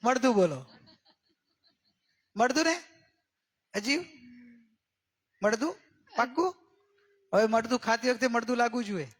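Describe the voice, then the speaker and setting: A man giving a religious discourse as a spiritual teacher. He keeps checking in with his listeners and draws key words out slowly for emphasis. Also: very high voice. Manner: questioning, coaxing listeners with repeated checks.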